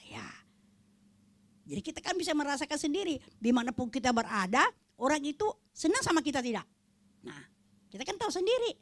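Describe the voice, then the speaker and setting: Animated older woman giving testimony. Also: sits high, brisk, long pauses. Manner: animated, acts out quoted voices, drops to a whisper for emphasis. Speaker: testimony speaker at prayer fellowship.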